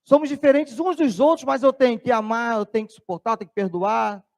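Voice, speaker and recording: A man preaching a sermon as pastor, animated, dropping his voice low when he tells a story. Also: fast, gravelly. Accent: Brazilian Portuguese. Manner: animated preaching, drops voice low to tell stories.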